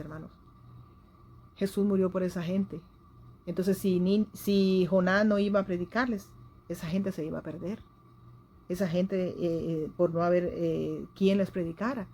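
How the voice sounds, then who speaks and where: A woman's voice: lowish voice, mellow, husky. A woman preaching a sermon in a church's home broadcast, in an earnest manner that rises and falls in intensity. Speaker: lay preacher.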